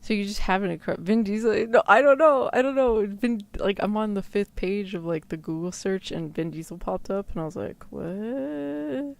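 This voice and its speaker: A VTuber streamer and ASMR roleplayer chats casually on a livestream, her mid-range voice brisk with hardly any pauses. She's playful, full of incredulous exclamations and mild swearing.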